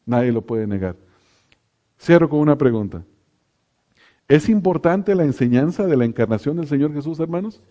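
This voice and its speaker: A middle-aged male pastor preaches to his congregation, folksy and joking as he calls on them by name. His voice sits a little on the high side for a man. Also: expressive, moderate pace, long pauses, mellow, muffled recording. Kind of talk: sermon.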